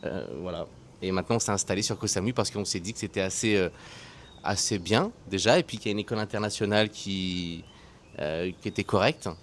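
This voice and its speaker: A man's voice: deep voice, a little fast, slight background noise. A man in his thirties from France, a guest speaking frankly and conversationally with many hesitations. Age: 30s. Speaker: guest, entrepreneur. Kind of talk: casual interview.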